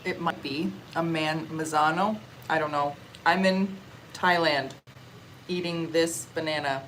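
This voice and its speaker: Eating on stream and murmuring with enjoyment, a young vlogger from Ontario, Canada chats in a relaxed way as she reads comments. She has a low voice and a measured pace. The audio is poor, with slight background noise, and she appears to be outside or somewhere open in a warm country.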